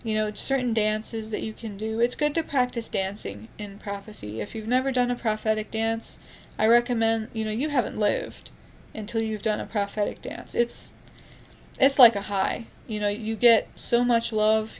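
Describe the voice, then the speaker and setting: A woman with a slightly higher voice delivers a fervent evangelizing monologue as a self-styled prophet. She rambles, restarts her sentences often and leans on "you know" as she talks. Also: steady tone, normal speed, a little hiss or hum, poor audio.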